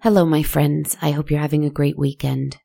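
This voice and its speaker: A woman hosting a horror podcast, speaking in a gentle, soothing manner suited to spooky bedtime stories. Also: sits low, flat delivery, a little fast, vocal fry, soft background music. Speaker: podcast writer, host and narrator.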